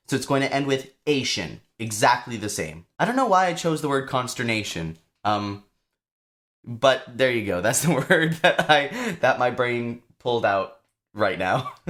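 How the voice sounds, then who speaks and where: Lively young man teaching songwriting. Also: medium pitch. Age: young adult. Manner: lively, chatty, with asides and small laughs. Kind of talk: casual explanatory lesson.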